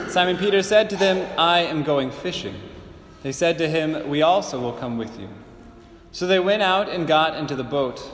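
A priest proclaiming the gospel and preaching a homily in a measured, earnest way, his voice carrying a cathedral echo. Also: fairly high pitch. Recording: echoey church with long reverb, faint hiss.

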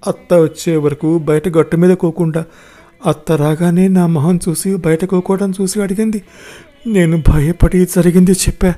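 A man's voice: sits high, fairly even intonation, normal speed, dark tone, close to an everyday voice. A man voicing a frightened teenage girl confiding in her mother. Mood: distressed.

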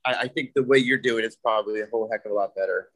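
A man who is a guest on a podcast, telling stories in an easygoing, joking way with halting restarts. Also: lowish voice, a bit bright, no echo, low-quality recording. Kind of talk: casual podcast chat.

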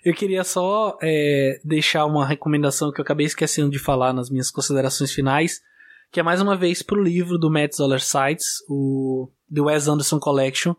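A man with a Brazilian Portuguese accent hosting a podcast in casual chat, talking in a relaxed way with small restarts. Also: a little high, normal speed. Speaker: podcast host.

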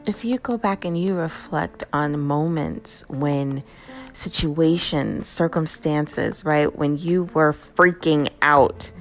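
A woman hosting a casual motivational talk, conversational and lively, often checking in with "right?". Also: sits low, slow, faint music behind. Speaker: host.

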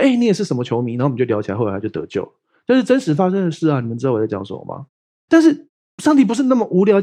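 A man's voice: on the high side, slightly rough. A middle-aged male pastor, preaching in a chatty sermon style and often asking if listeners follow. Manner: chatty, asks "you know what I mean?" often; animated, swings between loud and soft.

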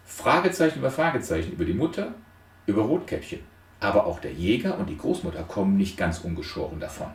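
Talking fast and with great animation, a man with a lowish voice retells a fairy tale to teach transactional analysis. He hammers home numbered points and asks rhetorical questions, heard from afar in a reverberant room.

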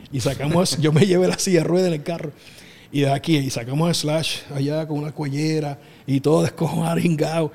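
Middle-aged Puerto Rican man, a bit high-pitched, spinning excitable backstage tales in a room with long reverb. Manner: excitable, acts out voices, laughs often. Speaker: wrestling show booker. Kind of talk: animated storytelling interview.

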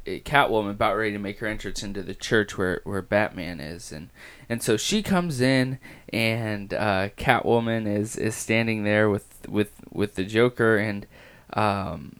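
A raspy-voiced man hosts a laid-back comic book podcast, his fairly low, slightly bright voice full of pauses, fillers and restarts.

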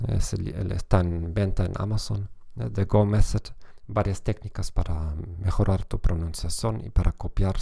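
A man hosts a language podcast in a relaxed, chatty way. His voice sits fairly low, with a gravelly, fried edge and a mellow, dark tone. He keeps checking in with little "¿no?" tags as he goes. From Germany. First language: German. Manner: chatty, frequent "¿no?" tags and restarts. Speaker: podcast host and language teacher. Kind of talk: casual solo podcast talk.

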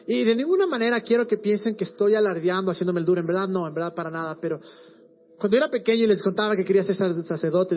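A young man preaching a sermon, earnestly telling a personal story and quoting people softly. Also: high voice. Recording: dull lo-fi sound, faint music.

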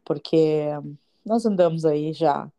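Low, mellow-voiced mother chatting. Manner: agreeable, warm affirmations, earnest reflections as a mother. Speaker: podcast co-host. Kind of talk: casual chat.

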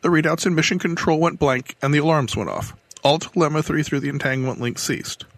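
A man voicing a female mission control captain giving guarded, defensive testimony, somewhat higher and softer than his own voice. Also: brisk, dry recording, natural voice.

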